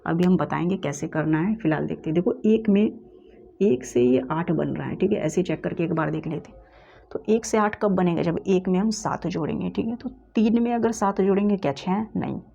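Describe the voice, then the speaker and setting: A man's voice: high-pitched, normal speed, vocal fry, mellow. A man teaching an exam-prep reasoning lesson, explaining step by step and checking in with his students after almost every point. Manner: explains step by step, keeps asking "ठीक है?". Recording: slightly dull, faint background hiss.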